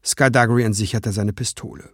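A man narrating a fantasy audiobook in lively storytelling style. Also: on the low side, a little fast, dry recording, studio quality. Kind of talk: scripted narration.

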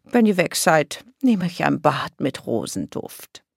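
A woman's voice: sits low, big pitch swings, measured pace, gravelly, dry recording, studio quality, full character voice. A woman voicing a cheerful, affectionate grandmother in an audiobook.

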